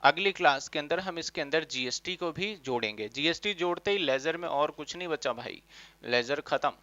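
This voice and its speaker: Guy teaching a commerce class, bright fairly high voice, dry lo-fi sound, asks stuff and answers it himself. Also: normal speed, dry recording. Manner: animated, asks questions and answers them himself; speaks as the accounts in first person. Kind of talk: classroom lecture.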